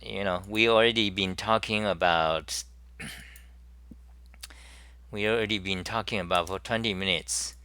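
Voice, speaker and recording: A man's voice: on the low side, measured pace, long pauses, pushed and bright, clear, resonant tone, dry recording. A man hosting his own casual live-stream talk show, speaking in a rambling way with many fillers and restarts. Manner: reads viewer chat messages aloud.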